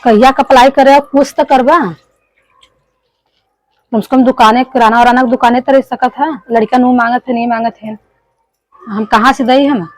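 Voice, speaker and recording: A woman's voice: on the high side, steady tone, moderate pace, long pauses, a little mellow, no room sound, lightly acted, low-quality recording. A woman playing a fed-up village wife in a family skit, scolding and complaining in rustic speech with an eastern Hindi belt, Bhojpuri-Awadhi accent. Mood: aggrieved, pleading. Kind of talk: amateur family skit dialogue.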